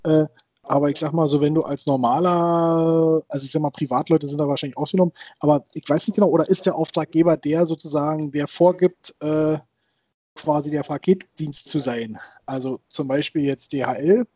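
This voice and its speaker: A man's voice: fairly high pitch, steady tone, fairly quick, mellow, slightly rough, no room sound. A man in his thirties co-hosting a casual podcast, rambling with many fillers and restarts. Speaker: podcast co-host. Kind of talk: casual chat. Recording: dull dry sound.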